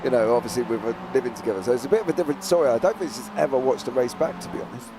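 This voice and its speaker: Against background noise, a mid-range British male voice handles lead commentary at a motor race. The talk is relaxed and teasing toward his co-host, punctuated by brisk readouts of the grid.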